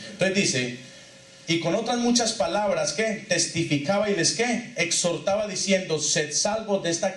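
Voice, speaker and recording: Pastor guy preaching, kinda high voice, keeps asking the church "qué?", echoey hall sound. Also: slight background noise. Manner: asks the congregation call-and-response questions, rising and falling emphatically. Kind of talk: sermon.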